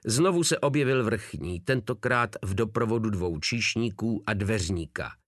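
A male narrator reads an audiobook with vivid, lively storytelling and a voice that moves up and down freely. The sound is dry and close. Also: lowish voice, no echo.

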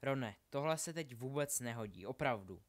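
A man's voice: mid-range voice, lively intonation, close to an everyday voice. A man voicing a grown woman, a witch who coaxes and then scolds insistently, in a home audiobook reading. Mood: coaxing.

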